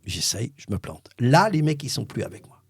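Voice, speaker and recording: Homme conteur animé, voix légèrement voilée. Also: male voice, medium pitch, moderate pace, slightly rough, dry recording, clean studio sound. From France. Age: middle-aged. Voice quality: expressive, theatrical storyteller. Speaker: voice-over artist telling his story as a guest. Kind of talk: animated anecdote-telling, acting out dialogue.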